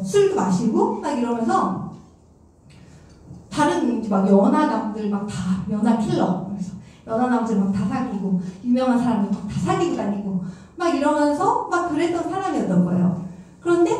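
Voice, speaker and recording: A woman giving a lively music lecture, telling stories and acting out what people said, with a chatty manner. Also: high-pitched. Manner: animated, acts out quoted remarks, chatty fillers. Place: large concert hall. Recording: echoey hall, voice from far off.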